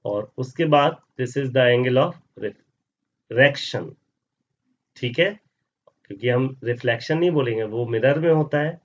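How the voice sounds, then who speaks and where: Taking things slowly and pausing often, a medium-pitched science teacher walks his class through a lesson over slides. He poses questions and answers them himself, addresses students as "beta", and blends Hindi with English terms, all on slightly dull audio.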